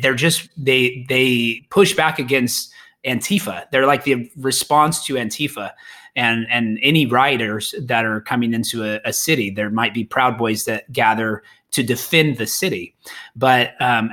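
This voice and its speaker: A man's voice: mid-range voice, bright, forceful tone. A man co-hosting a podcast, talking through politics casually and rambling with frequent restarts. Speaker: podcast co-host.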